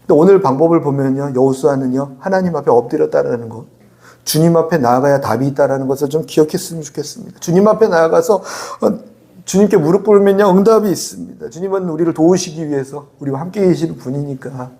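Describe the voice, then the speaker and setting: A male pastor preaching in a church, with a fairly high but mellow, warm voice. He keeps it conversational and playful, acting out little quotes as he goes. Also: quick pace. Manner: lively, chatty preaching with playful voiced asides and laughs. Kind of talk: sermon. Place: church sanctuary.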